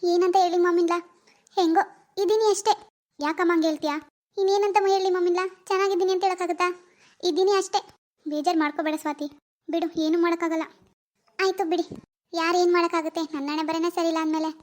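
A performer voicing a grieving young wife, weary and bitter after losing her baby, in an animated drama. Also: extremely high pitch, fast talker, pauses often. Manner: weary, bitter and self-pitying.

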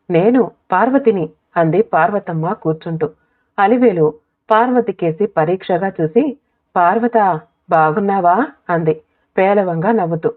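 A woman narrating a short story aloud in a steady, measured reading, in a tinny phone-like recording. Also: lowish voice. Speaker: audiobook narrator.

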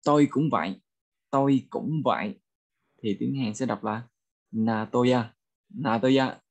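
A man with a Vietnamese accent teaching a bilingual vocabulary lesson, repeating each phrase slowly for learners. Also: mid-range voice. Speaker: language teacher.

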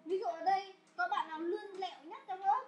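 A woman teaching English to a class of children, asking questions loudly and scolding pupils who don't focus. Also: very high-pitched, steady tone, fast, slight background noise. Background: children chattering.

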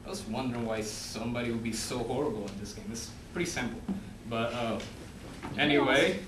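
A man's voice: medium pitch, fairly quick, close to an everyday voice. Young man playing mocking, theatrical Death, far off. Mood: wry, boastful. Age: young adult. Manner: gloating, sardonic, laughs often. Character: Death, a mocking, theatrical, cunning male personification. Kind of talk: amateur stage play acting. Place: indoor theatre stage. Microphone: distant camera. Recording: echoey stage, distant camera mic, noisy.

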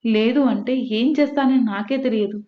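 A woman's voice: fairly high pitch, normal speed, natural voice. Furious bedridden mother, read by a woman. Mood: furious scolding. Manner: shouting, scolding. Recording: echoey room, dull lo-fi.

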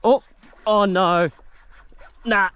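A man, a fishing vlogger commenting excitedly from a paddle board at sea, talking to the fish. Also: sits high, very slow, clear, resonant tone, phone-quality sound. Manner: exclamatory, talks to the fish.

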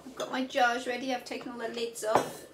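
A woman's voice: on the high side, little pitch movement, fairly quick, noisy background. A woman in her fifties chatting cheerfully as she shows each step of cooking in her home kitchen. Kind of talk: casual kitchen demonstration. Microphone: camera mic at a distance. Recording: roomy kitchen sound, mic a little far off.

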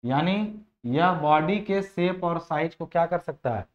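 A man with a slightly high voice speaks a little slowly while teaching engineering in a chatty classroom setting. Phrases get repeated, students get asked questions, and English technical words pepper his talk; the audio is dull lo-fi.

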